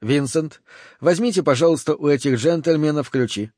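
A man reading an audiobook voices a calm, courteous and commanding male FBI agent who speaks in a measured way. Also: fairly high pitch, no room sound, studio quality, lightly acted.

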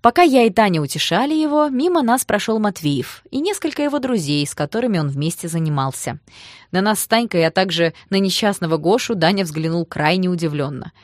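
A woman telling a first-person audiobook story in a lively way. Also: medium pitch, a little fast, no room sound, clean studio sound.

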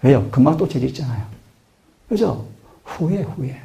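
A man's voice: mid-range voice, lively intonation, normal speed, creaky, dark tone. A man preaching a sermon in an earnest manner, often putting questions to his listeners. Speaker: pastor.

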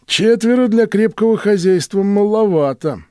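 A laconic, indifferent truck driver from an audiobook, drawling his questions slowly in a higher, lively voice, as a male reader puts him on. The recording is dry and close. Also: clear, resonant tone, no echo.

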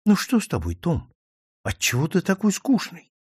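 A man voicing a gentle little girl who speaks softly and earnestly. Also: fairly low pitch, wildly swooping pitch, moderate pace, breathy edge, no echo, studio quality, voice pushed up, exaggerated voice. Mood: eager. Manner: soft, earnest.

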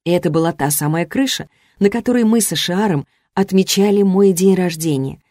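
A woman reading a first-person romantic fantasy novel aloud, expressive, lifting her voice for the heroine's lines. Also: fairly low pitch, fairly quick, no echo, clean studio sound. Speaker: audiobook narrator. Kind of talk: first-person fiction narration.

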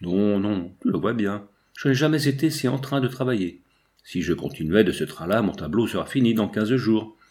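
Stern working painter, read by a man, low-voiced, firm and scolding. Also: moderate pace, darkish tone, close to an everyday voice. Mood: gently stern. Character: stern, busy male painter, gruff.

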